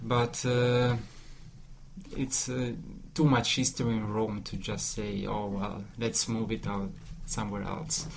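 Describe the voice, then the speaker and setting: A man from Italy with an Italian accent, leading a casual discussion in English, his second language. He talks haltingly, with many restarts and fillers. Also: on the low side, little pitch movement, gravelly, a little hiss or hum.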